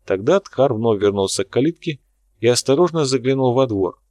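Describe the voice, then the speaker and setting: A man narrates an audiobook in a calm, measured way. His voice sits at an ordinary middle pitch, recorded close and dry. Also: dry recording.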